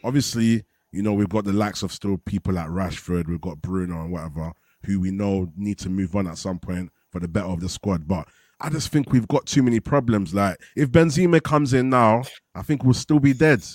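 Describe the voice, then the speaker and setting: A man's voice: on the low side, a little fast, darkish tone, dry recording. A young man with a London roadman accent, venting emphatically in slangy, casual football fan chat. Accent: London, urban street slang (roadman). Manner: slangy, emphatic venting with repeated tag questions.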